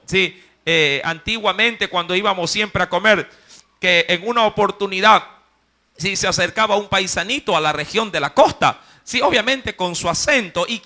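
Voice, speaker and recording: High, forceful coastal Ecuadorian preacher. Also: male voice. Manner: fervent, keeps checking in with listeners, swings from loud emphasis to low asides. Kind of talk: sermon.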